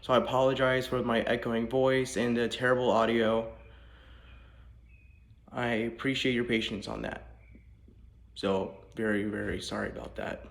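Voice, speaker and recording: A man's voice: medium pitch, flat delivery, normal speed, creaky, long pauses. A young man, a student, giving an earnest, apologetic class speech that he reads from a script, recorded inside a house with the walls torn out. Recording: echoey bare room.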